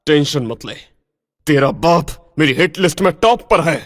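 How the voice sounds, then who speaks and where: A man dubbing a young martial arts hero who speaks in calm, menacing threats. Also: a little high, normal speed, dry recording, studio quality, natural voice. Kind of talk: Hindi drama dub. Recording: music underneath.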